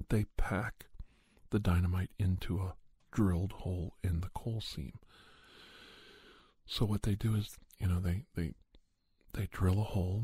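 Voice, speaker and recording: In a first-person ASMR story, a man plays Doctor Andrew Michaels, an earnest monster investigator recounting a hunt. His lowish, very mellow voice is heavily breathy and husky, exaggerated in character, and he pauses mid-sentence as he pieces the account together. The recording is close and dry.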